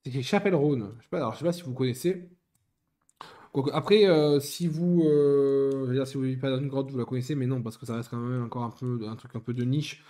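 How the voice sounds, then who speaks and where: A man's voice: medium pitch, fairly quick, dark tone. A young man chatting casually while building Lego, rambling and often correcting himself.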